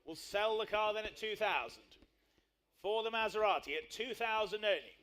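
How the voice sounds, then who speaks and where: A man's voice: high voice, moderate pace, fairly bright tone. A man working as an auctioneer, calling a live sale in short, repeated phrases and numbers. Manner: repetitive bid patter with short clipped phrases.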